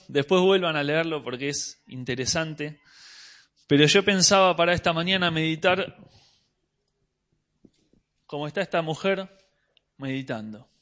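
Man, sermon, somewhat high voice, expressive storytelling, trailing off low at phrase ends. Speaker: preacher.

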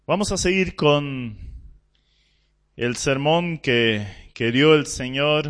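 A man preaching an expository sermon, teaching in a measured way with pauses and restarts. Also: mid-range voice, fairly bright tone, no room sound, studio quality.

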